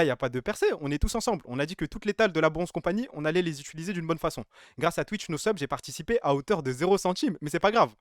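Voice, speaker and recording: A man's voice: high-pitched, no echo, clean studio sound. A man in his twenties, chatting casually on a live stream, rambling, joking and exclaiming to his viewers. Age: 20s.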